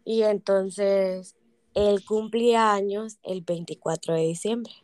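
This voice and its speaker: A woman's voice: mid-range voice, takes it slowly, dry recording, studio quality. A woman, casually telling family stories on a podcast and acting out the people she quotes. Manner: animated, acts out quoted voices. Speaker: podcast co-host. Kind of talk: casual storytelling chat.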